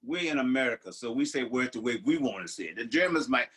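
A man's voice: medium pitch, lively intonation, quick pace, fairly bright tone. An older man co-hosting a casual boxing podcast, telling history in a rambling way with many restarts. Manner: rambling storyteller, many restarts and repeated words. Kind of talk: casual chat.

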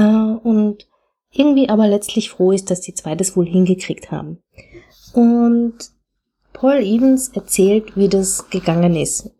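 A woman coach, telling a story in a slow, thoughtful way, with many fillers. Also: mid-range voice, vocal fry, dark tone, breathy edge. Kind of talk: casual storytelling talk.

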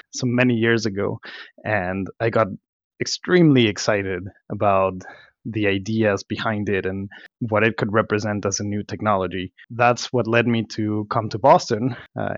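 A man's voice: lowish voice, no room sound, dull audio. A man in his thirties from Mexico, a company CEO giving thoughtful interview answers with frequent restarts.

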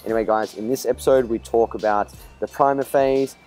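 A man's voice: medium pitch, fairly even intonation, a little fast, darkish tone, soft background music. A man hosting a casual podcast interview, upbeat, teasing and chatty. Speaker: podcast host.

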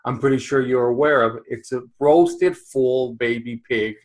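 A man in his forties from Canada hosting an interview, friendly and halting, often repeating his words. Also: mid-range voice, steady tone. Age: 40s. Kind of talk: conversational interview.

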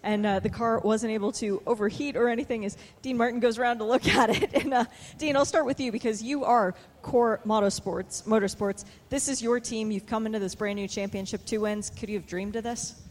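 A woman's voice: on the high side, fairly even intonation, a little fast, few pauses. A woman reporting from pit lane, interviewing winners in a breezy, joking manner. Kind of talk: post-race interviews.

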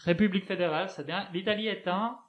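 Man with a higher voice, joking columnist. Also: quick pace. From Spain. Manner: ironic, joking, reads with asides and laughs. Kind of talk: humorous radio chronicle read from a script. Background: other panelists laughing.

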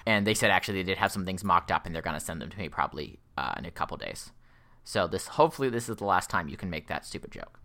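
A man's voice: deep voice, animated, fast, bright, forceful tone. A young man co-hosting a casual podcast chat, rambling with lots of fillers and restarts. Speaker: podcast co-host.

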